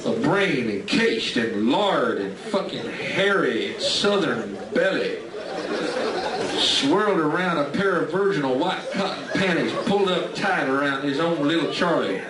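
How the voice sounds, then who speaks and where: A man's voice: fairly high pitch, expressive, unhurried. A man doing a crude, mocking stand-up routine, drawling his lines at a live venue. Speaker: stand-up comedian. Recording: roomy live venue from far off with loud crowd. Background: loud crowd laughter and noise.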